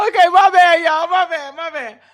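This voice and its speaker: A woman hosting a livestream, telling stories in a loud, laughing, profane way. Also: very high-pitched, normal speed, dry recording. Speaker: livestream host. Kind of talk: casual livestream chat.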